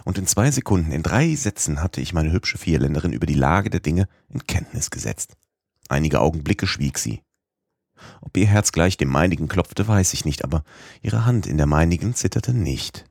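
A man reading a classic novel aloud as an audiobook narrator, in a measured, even literary delivery. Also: a bass voice, gravelly, no echo, studio quality. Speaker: audiobook reader. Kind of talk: scripted narration.

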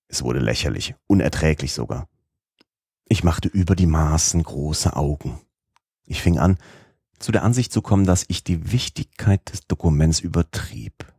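A man narrates a novel in the first person with a very low, deep voice. His storytelling delivery is measured and even. The close studio recording is dry, with no room sound. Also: slightly rough, no room sound. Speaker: audiobook narrator.

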